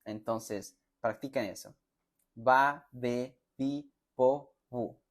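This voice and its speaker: Man, language teacher, pronunciation drills, very slow careful delivery, mid-pitched. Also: fairly even intonation. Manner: slow, deliberate, sounds out words and syllables for repetition; friendly, addresses students directly with check-in questions. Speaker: Spanish teacher. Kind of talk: pronunciation lesson for learners.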